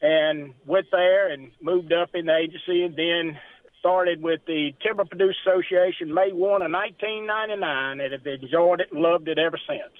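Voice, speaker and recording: A man's voice: a little high, normal speed. A middle-aged man from South Carolina with a Southern accent, a guest on a radio show, talking in a friendly, folksy way with many fillers. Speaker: timber association president, guest. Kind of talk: casual radio interview. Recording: tinny phone line.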